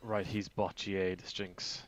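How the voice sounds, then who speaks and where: Low-voiced casual esports co-caster. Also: male voice, flat delivery, unhurried, echoey room. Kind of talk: live esports commentary.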